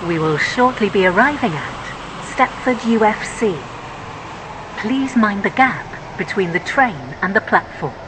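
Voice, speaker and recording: A woman giving a formal automated onboard train announcement, naming stops in a steady, even delivery. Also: unhurried. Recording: clear train engine noise behind. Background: moving train rumble.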